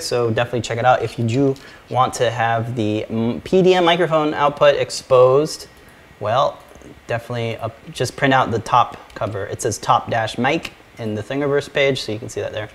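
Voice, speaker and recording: A man's voice: mid-range voice, slight background noise. A man co-hosting a casual electronics project show, joking and laughing as he demonstrates hardware. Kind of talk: casual live show chat.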